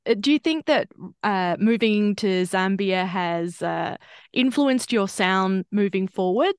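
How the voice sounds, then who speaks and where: Female interviewer, smooth clear tone, curious and encouraging, dry close sound. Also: medium pitch, expressive, slow, no room sound. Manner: curious, encouraging, with frequent fillers. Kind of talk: interview questions.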